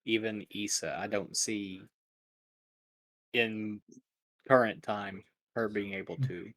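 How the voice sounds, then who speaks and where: A man playing a grieving young dragon rider who speaks quietly and haltingly. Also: fairly low pitch, fairly even intonation. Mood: somber.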